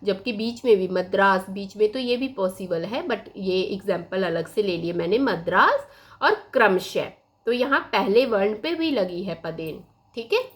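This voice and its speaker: Slow, patient woman teaching grammar. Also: medium pitch, lively intonation. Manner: patient, spells out sounds one by one. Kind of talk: slow blackboard lesson.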